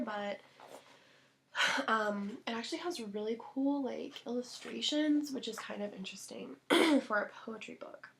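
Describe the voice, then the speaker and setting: A young woman talking casually to camera about books and the holidays, gushing and chatty, full of fillers and quick little laughs. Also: on the high side. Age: young adult. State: out of breath. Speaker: vlogger. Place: at home, indoors.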